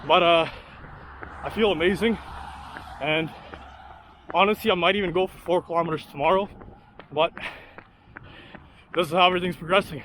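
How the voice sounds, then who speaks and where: A fairly high-voiced man talks into a handheld action camera while out on a cold street run. He is out of breath but upbeat and chatty, and faint traffic and outdoor noise sit behind him. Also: steady tone, moderate pace, long pauses, fairly bright tone, low-quality recording. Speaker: vlogger. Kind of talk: outdoor running vlog.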